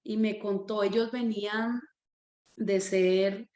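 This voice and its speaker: A woman who directs a Sunday school, telling a personal testimony in a church teaching as a lively storyteller. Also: medium pitch, slow pace, reverberant, dull audio.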